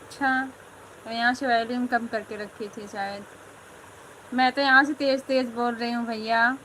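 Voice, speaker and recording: Woman, live stream host, casual viewer chat, bright voice, faint background noise. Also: fairly high pitch, steady tone, normal speed, rough recording. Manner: chatty, greets viewers by name.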